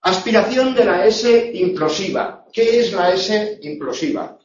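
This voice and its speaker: A man teaching a class on pronunciation, drawing out his examples slowly and checking in with the students again and again. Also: high-pitched. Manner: slow, drawn-out examples with frequent "¿eh?" and "¿vale?" checks. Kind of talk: classroom lecture on phonetics. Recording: echoey room, distant lo-fi mic.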